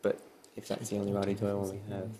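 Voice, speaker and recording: Young man, flat and hesitant. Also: on the low side, fast talker, slight background noise. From England. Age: young adult. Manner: hesitant, quiet conferring. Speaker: quiz team captain.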